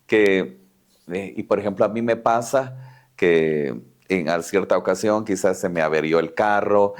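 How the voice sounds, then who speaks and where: A man with a low voice co-hosts a faith podcast. He speaks reflectively, pausing and hesitating often with fillers. His manner is conversational.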